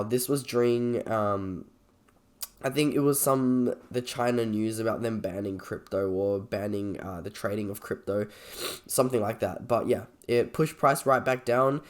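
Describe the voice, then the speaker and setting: A man with a croaky, slightly sick voice, talking informally and a little hesitantly as he reviews trades on a screen recording. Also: medium pitch. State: sick with a cold or cough. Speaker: trader presenting a video.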